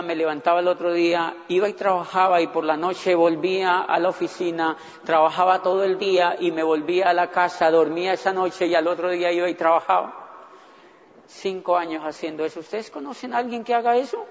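A man, telling his own story to an audience in an animated way and acting out his past thoughts. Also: high voice, brisk. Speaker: motivational speaker. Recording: dull, echoey hall recording.

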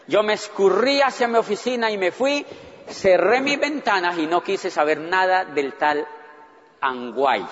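A man, telling his own story to an audience in an animated way and acting out his past thoughts. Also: high-pitched, a little hiss or hum. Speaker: motivational speaker. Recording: dull, echoey hall recording.

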